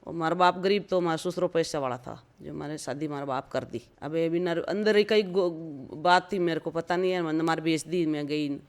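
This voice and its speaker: A woman's voice: deep voice, normal speed, hardly any pauses. A woman in her fifties from rural Rajasthan with a Marwari accent, telling her life story plainly as an interview guest, repeating phrases for emphasis. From rural Rajasthan, India. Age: 50s.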